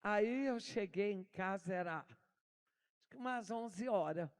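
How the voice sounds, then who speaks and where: A woman's voice: mid-range voice, animated, slow. An older woman pastor with a Brazilian Portuguese accent, preaching a sermon full of personal stories and calling out to her congregation. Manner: emotional, storytelling, addresses congregation as brothers.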